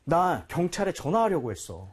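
Male English teacher, husky and very animated, patient quizzing style. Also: on the high side, moderate pace. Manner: patient, quizzing, explains and corrects. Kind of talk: English lesson with a student.

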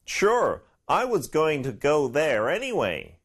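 Friendly young male traveler, voiced by a man, lively and very slow for a practice dialogue. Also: fairly high pitch, exaggerated voice. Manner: clear, slow, deliberate delivery for learners. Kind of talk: recorded dialogue for language practice.

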